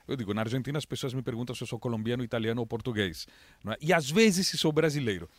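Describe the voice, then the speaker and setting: Soft-spoken man, dry close sound. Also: medium pitch, racing, dry recording. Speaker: podcast guest, journalist. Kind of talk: conversational interview.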